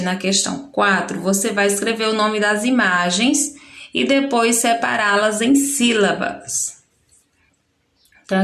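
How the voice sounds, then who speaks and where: A woman's voice: mid-range voice, a bit bright, reverberant. A woman teacher with a Brazilian Portuguese accent, patiently explaining a schoolbook lesson step by step and sounding out syllables. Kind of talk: recorded lesson walkthrough.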